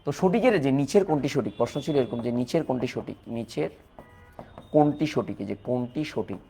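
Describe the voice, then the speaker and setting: A man teaching chemistry in a live online lecture, repeating points, mixing in English terms and urging students to reply quickly. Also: medium pitch, lively intonation, gravelly, warm tone, faint music behind. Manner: repetitive, coaxing, mixes English terms into explanations.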